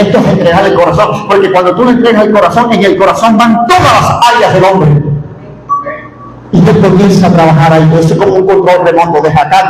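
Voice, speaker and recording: A man preaching a sermon in a church, impassioned and repetitive, bursting into shouts. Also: high voice. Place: church service hall. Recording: echoey church hall with faint noise.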